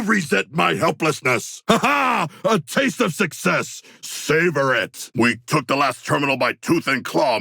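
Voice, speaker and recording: A huge, proud shark man for a video game. The voice is low and forceful, with animated swings in pitch. He is earnest and ferocious, and speaks in stiffly formal, precise phrases. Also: vocal fry, slightly rough, no echo, studio quality, full character voice. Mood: battle fervor. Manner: formal, stilted, precise diction with grandiose phrasing. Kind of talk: video game character voice lines.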